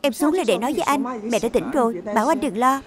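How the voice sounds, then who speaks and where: A woman voicing a calm and caring young wife in an even, plain dubbed reading. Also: fairly high pitch, fast talker, a crowd in the background. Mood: reassuring.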